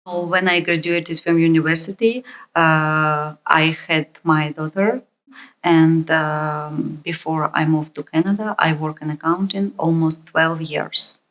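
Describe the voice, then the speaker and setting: A woman from the former Soviet Union speaking haltingly in an oral history interview. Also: sits low, little pitch movement, fairly bright tone.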